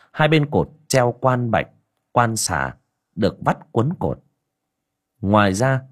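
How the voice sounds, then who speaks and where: A man narrating an audiobook story in a steady, descriptive storytelling manner. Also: on the low side, husky.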